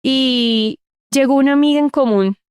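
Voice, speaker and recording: Her voice sits high and smooth, moving at a normal speed, in a dry, clean studio recording. As a guest in an interview, this woman shares a personal story earnestly, repeating words to stress them.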